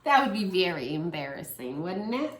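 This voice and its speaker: A lowish-voiced woman in her thirties, a children's teacher and story reader, moves through a picture book at a moderate pace. Warm and animated, she breaks off to ask the toddlers questions, and the room has an echo.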